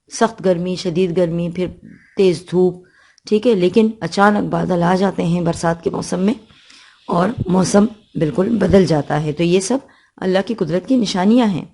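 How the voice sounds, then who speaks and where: A woman's voice: on the low side, dark tone. A woman teacher from Pakistan with a Pakistani accent, reciting verses of a poem and explaining them line by line in a school lesson.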